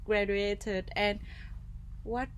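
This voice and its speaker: Woman host, mid-pitched, asks long winding questions, lots of mm-hmms, bit of hiss. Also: little pitch movement, very slow. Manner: chatty, rambling questions with frequent backchannel. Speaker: podcast host. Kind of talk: casual interview questions.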